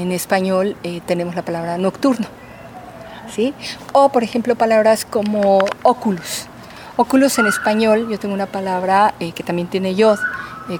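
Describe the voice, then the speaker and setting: A woman with a mid-pitched voice explains her subject like a teacher, patient and full of small fillers. A faint hiss sits under her voice. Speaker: linguistics professor. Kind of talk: explanatory interview answers.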